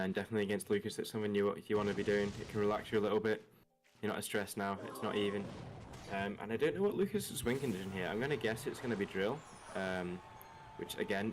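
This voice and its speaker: A man with a general English accent and a slight Australian twang, giving quick analysis as co-caster on a live esports stream. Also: fairly low pitch. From England, raised in Australia from about twelve. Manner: fast, analytical, breaks down matchups.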